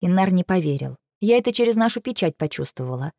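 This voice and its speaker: A woman's voice: fairly low pitch, expressive, quick pace, mellow, no room sound, clean studio sound. A woman reading a first-person audiobook in an emotional, tearful manner. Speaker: audiobook reader.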